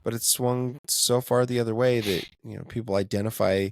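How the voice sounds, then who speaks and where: A man's voice: mid-range voice, fairly even intonation, brisk, dry recording, clean studio sound. A man co-hosting a casual faith podcast, talking in a thoughtful, hedging way and laughing often. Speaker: podcast co-host.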